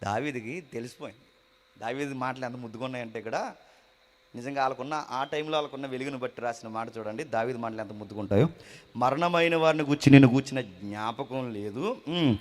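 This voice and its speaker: A man preaching a sermon, swinging between loud exclaiming and low murmured asides. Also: fast talker.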